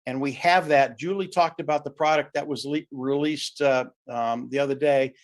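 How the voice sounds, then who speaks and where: A man presenting on a webinar video call, giving a punchy, repetitive motivational sales pitch. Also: fairly even intonation, normal speed.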